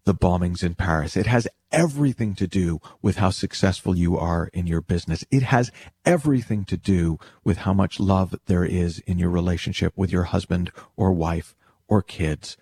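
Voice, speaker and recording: A man's voice: low-pitched, moderate pace, mellow, slightly rough, dry recording. A man giving an explanatory motivational talk, speaking to the listener directly with emphatic phrasing and rhetorical questions. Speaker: speaker teaching spiritual principles.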